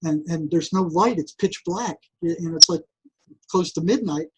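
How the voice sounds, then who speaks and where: A man's voice: a little high, normal speed, very noisy. An older man, a guest psychotherapist, telling a long story in a casual interview with frequent restarts. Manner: animated, repetitive restarts, acts out voices.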